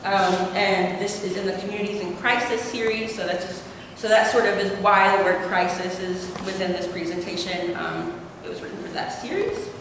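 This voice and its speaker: A young doctoral student with an Appalachian accent presents her research informally in a lecture room, hesitating often with fillers. Her mid-range voice has little pitch movement and moves at normal speed. The mic is distant, and the echoey hall adds noise.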